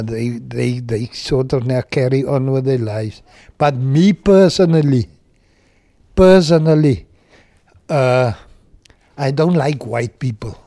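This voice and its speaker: A South African man in his sixties remembers his past slowly and haltingly, full of fillers but heartfelt. His voice is warm and relaxed, recorded dry and close. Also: medium pitch, dry recording. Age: 60s. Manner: slow, hesitant, many fillers, heartfelt. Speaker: interviewee. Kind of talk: personal recollection.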